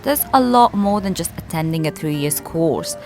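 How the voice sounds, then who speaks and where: A woman narrating a documentary in a measured, scripted voice-over. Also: low voice, lively intonation, soft background music.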